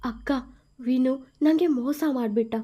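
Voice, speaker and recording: A woman voicing a tearful, angry young wife who speaks loudly and emphatically. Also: high voice, a little slow, voice pushed up. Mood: upset, angry. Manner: loud, emphatic, pleading.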